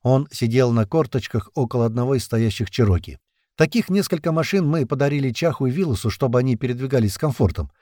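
A man narrating a first-person thriller audiobook in an expressive, tense way. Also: medium pitch, fast talker, dry recording, clean studio sound.

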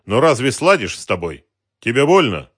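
A man's voice: mid-range voice, big pitch swings, moderate pace, a bit bright, husky, no echo, studio quality, voice pushed up. A man doing a stern, commanding detective. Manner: stern and curt. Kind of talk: audiobook character voice.

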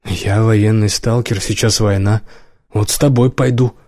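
Sullen grey-haired stalker, curt and dry, low mellow tone, read by a male narrator. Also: steady tone, a little slow, no room sound.

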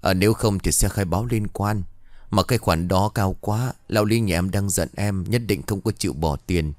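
A man's voice: deep voice, normal speed, no room sound, close to an everyday voice. A man voicing a desperate young official's wife who urgently begs for help. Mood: pleading. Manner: pleading, urgent.

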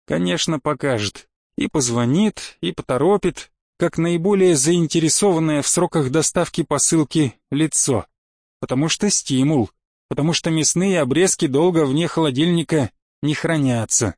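A man narrating an audiobook in a measured, ironic way. His voice sits a little high, and the recording is close and dry with no room sound. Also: darkish tone, no room sound.

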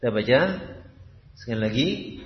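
A man's voice: mid-range voice, animated, normal speed, a little hiss or hum. A man teaching Quran recitation in a mosque lesson, patient and repetitive, often checking with his listeners. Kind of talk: religious study lesson. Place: mosque hall. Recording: echoey, dull mosque hall recording.

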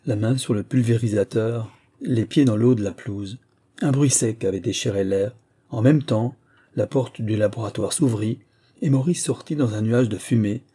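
Dark, husky male audiobook narrator. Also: on the low side. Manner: measured, expressive. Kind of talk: literary audiobook reading.

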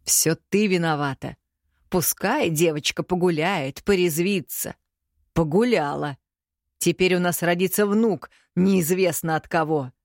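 A domineering, harsh middle-aged father , as a woman reads him in an audiobook. He lays down orders slowly and firmly in a low voice. The sound is close and dry. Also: a little mellow, no room sound. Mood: angry. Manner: slow commanding pronouncements.

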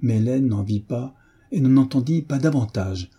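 A man narrating a classic novel aloud in a measured storytelling voice, slowing down over lists of details. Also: mid-range voice, mellow, breathy edge. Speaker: audiobook narrator.

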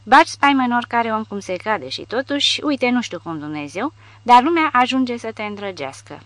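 A woman's voice: on the high side, big pitch swings, fairly bright tone, dry recording, voice pushed up. A woman reading the lines of a naive, hopeful young male officer held in a cell. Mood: fond.

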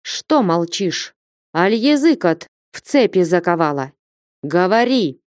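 A woman voicing a stern, grieving old male merchant who scolds and threatens slowly in a storybook reading. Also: on the low side, big pitch swings, a little mellow, no room sound, clean studio sound. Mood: reproachful. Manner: reproachful, threatening.

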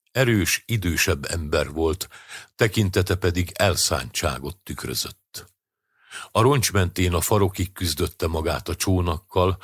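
A man reading a short story aloud as an audiobook narrator, in a steady, measured way. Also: low-pitched, breathy edge, no echo, clean studio sound.

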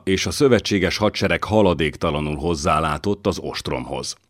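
Brief: male audiobook narrator, very low voice, dry close studio sound. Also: dry recording. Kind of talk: scripted narration.

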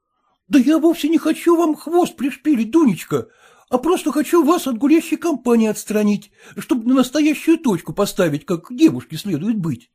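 A man's voice: very high voice, lively intonation, moderate pace, darkish tone, slightly rough, pitched above the performer's own voice, full character voice. A man reading aloud, voicing an earnest, jealous and self-satisfied male suitor who pleads fervently. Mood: pleading.

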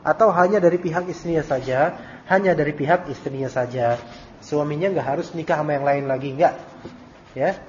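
A man's voice: a little high, fairly quick. A man teaching a religious study circle, reading out questions and answering them in a casual, joking way. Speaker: Islamic teacher. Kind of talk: recorded study-circle lecture with Q&A. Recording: dull lo-fi audio with faint hiss.

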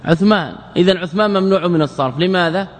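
Man lecturing in a reverberant hall. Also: high voice. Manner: recites verse lines slowly, then asks rhetorical questions and answers them. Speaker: Islamic scholar teaching Arabic grammar.

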